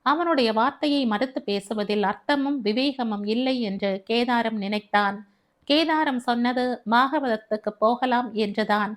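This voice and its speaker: Woman reading a family novel aloud, steady, voice a bit high. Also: moderate pace. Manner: steady storytelling. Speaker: narrator. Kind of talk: audiobook narration.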